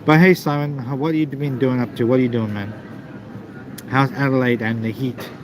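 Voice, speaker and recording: Male live streamer, mid-pitched, casual halting chat with viewers over noisy terminal ambience. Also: steady tone. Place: busy airport waiting area. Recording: noisy airport background ambience.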